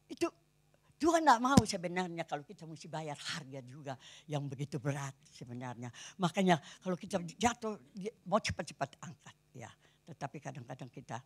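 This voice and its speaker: Woman pastor in her eighties with a Kupang Malay accent. Husky voice with a lively, swooping pitch. Chatty sermon delivery full of rhetorical questions. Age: 80s. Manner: animated, conversational preaching with rhetorical questions.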